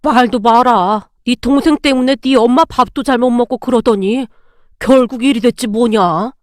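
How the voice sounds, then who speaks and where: A stern older father-in-law rebukes his family in a lowered, blunt voice, as a woman narrator puts him on. The sound is dry and close. He never softens his reproach. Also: normal speed, no room sound, close to an everyday voice. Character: gruff older man, scolding father-in-law.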